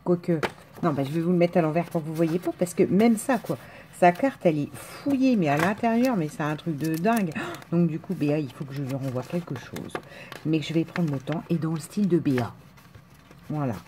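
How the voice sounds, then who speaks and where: A woman's voice: deep voice, lively intonation, fairly quick, mellow, a little hiss or hum. A woman in a casual chat, opening mail on camera, gushing and exclaiming as she goes, with lots of fillers.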